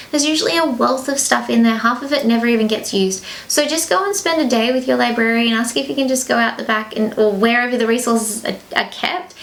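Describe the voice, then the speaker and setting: A woman's voice: a little high, gravelly, poor audio. A woman, a teacher giving chatty, reassuring advice to new teachers in a casual vlog, a little out of breath. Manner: chatty, fast-flowing, reassuring advice with many asides.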